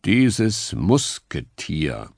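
A man's voice: deep voice, huge pitch swings, drawn-out words, dry recording, studio quality, full character voice. A man voicing a sensible male beaver in a children's audiobook, speaking matter-of-factly. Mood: calm.

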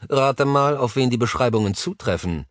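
A man's voice: medium pitch, animated, moderate pace, no room sound, studio quality, lightly acted. A male narrator voicing a nervous, cynical male business partner talking on the phone in an audiobook. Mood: tense, cynical.

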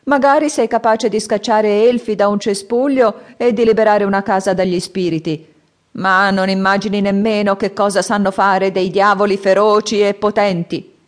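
A woman voicing an old man with a staff who warns and boasts, with high, drawn-out cries. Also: fairly even intonation, lightly acted. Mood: mocking.

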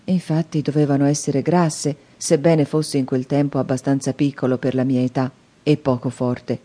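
Narratrice dalla voce bassa e morbida. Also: female voice, little pitch movement, moderate pace, warm tone. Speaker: audiobook narrator. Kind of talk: scripted narration of a classic novel.

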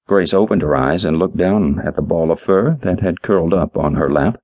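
Male narrator, very low voice, measured storytelling, dry close studio sound. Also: a little mellow, no echo, lo-fi sound. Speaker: audiobook narrator. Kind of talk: scripted narration.

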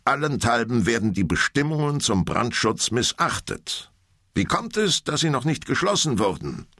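A man's voice: mid-range voice, very animated, normal speed, bright, forceful tone, no room sound, studio quality, voice pushed up. Man playing a curt, officious fire inspector. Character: stiff male fire inspector in a suit.

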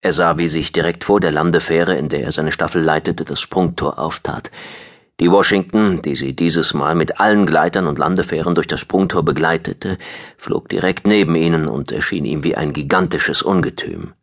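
A man narrating a sci-fi audiobook in a steady, measured storytelling voice. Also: very deep voice. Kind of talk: scripted narration.

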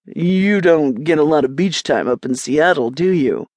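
A woman's voice: low-pitched, expressive, a little slow, darkish tone, dry recording. A woman voicing an easygoing, friendly outdoorsy young man in an audiobook. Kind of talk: audiobook character voice.

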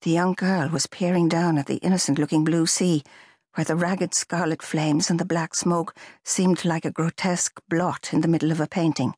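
A woman narrating a novel in a measured, even storytelling manner. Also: low voice, husky, no room sound, studio quality. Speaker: audiobook narrator. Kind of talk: scripted narration.

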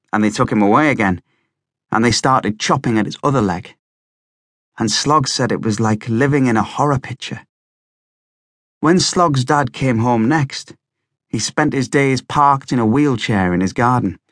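A man reads an audiobook in a plain, steady manner. His mid-pitched voice is close on the microphone, and the recording is completely dry. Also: dry recording. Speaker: audiobook narrator. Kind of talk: scripted audiobook narration.

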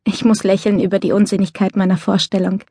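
A woman narrating a novel in the first person, in soft, measured storytelling. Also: medium pitch, level tone, husky, no room sound, clean studio sound. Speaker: audiobook narrator.

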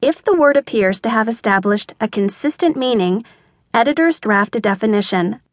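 A woman audiobook narrator reading a letter aloud in a measured, matter-of-fact way. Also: fairly high pitch, expressive, no echo, clean studio sound. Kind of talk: scripted narration.

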